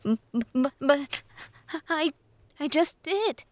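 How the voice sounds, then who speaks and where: A woman's voice: high voice, lively intonation, takes it slowly, slight background noise, pitched above the performer's own voice. A woman voicing a frightened, guilt-ridden small male imp who stammers and pleads. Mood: pleading.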